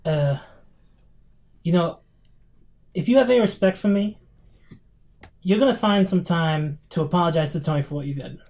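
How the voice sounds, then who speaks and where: A man's voice: a little high, normal speed, vocal fry, long pauses, darkish tone. A man playing a stern adult lecturing a youngster in a tabletop game, insistent and scolding. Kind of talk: tabletop role-play.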